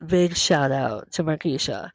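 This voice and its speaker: A woman hosts her own podcast and tells a travel story in a relaxed, animated way, dropping into the voices of the people she met. Her voice sits a little low for a woman. The sound is close and dry, with no room echo. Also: a little slow. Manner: lively, acts out quoted voices. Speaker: podcast host.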